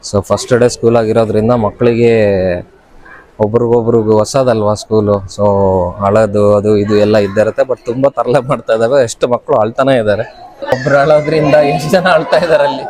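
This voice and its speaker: A woman, a parent narrating a vlog at her child's school and coaxing crying children in a high sing-song voice. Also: fairly even intonation, brisk, slight background noise. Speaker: parent vlogger. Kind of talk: handheld vlog commentary. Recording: music playing loudly over the talk.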